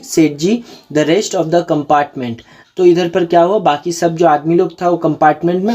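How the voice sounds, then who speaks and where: Slow, patient tutor explaining a chapter. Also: medium pitch, darkish tone. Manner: reads the English text slowly phrase by phrase, then explains it in casual Hindi; keeps checking in with "ठीक है ना" as a filler. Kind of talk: chapter explanation for school students.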